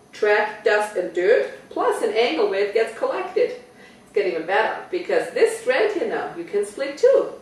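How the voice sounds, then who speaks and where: At a home party in a private living room, a woman with an Austrian German accent demonstrates products in a casual, chatty talk. Her voice is medium in pitch, and she explains things step by step, often asking her listeners questions. The recording sounds roomy and echoey, captured from some distance.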